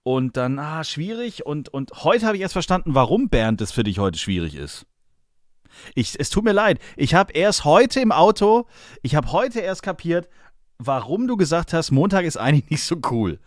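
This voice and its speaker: A man in his forties hosts a chatty podcast over a remote call, his pitch swinging up and down as he jokes and teases. The sound is dry and close, with no room around it. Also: big pitch swings, dry recording. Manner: playful, teasing, quick banter. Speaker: podcast host. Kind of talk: casual chat. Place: office.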